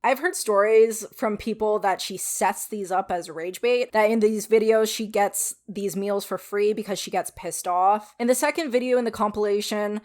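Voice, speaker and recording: A woman's voice: mid-range voice, normal speed, few pauses, a little mellow. A woman with a weak voice giving frank, casual opinion commentary to viewers, with some swearing. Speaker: video commentator.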